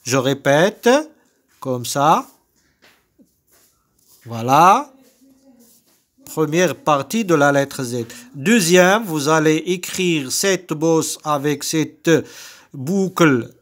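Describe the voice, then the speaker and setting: A man with a Moroccan French accent teaching young children to read, saying words and syllables slowly and repeating each one. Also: on the high side, lively intonation, a bit bright. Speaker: primary school teacher. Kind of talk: slow recorded reading lesson for young children.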